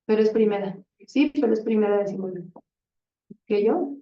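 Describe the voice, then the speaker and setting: Patient teacher in an echoey classroom. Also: female voice, medium pitch, moderate pace. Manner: patient, encouraging, often praising. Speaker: Spanish grammar teacher. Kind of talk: classroom conjugation drill. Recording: roomy, distant and dull classroom sound.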